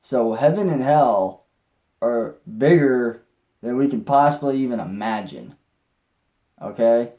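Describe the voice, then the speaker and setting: Slow-talking man with a dark voice. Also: medium pitch, lively intonation, muffled recording. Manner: rambling, with restarts and mild swearing. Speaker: vlogger. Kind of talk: casual personal storytelling.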